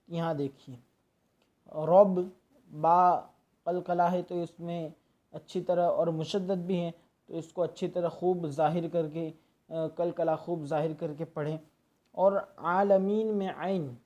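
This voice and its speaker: A man giving a patient, step-by-step lesson on Quran recitation, stopping often to demonstrate drawn-out chanted verses. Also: sits high, warm tone. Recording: dull lo-fi recording.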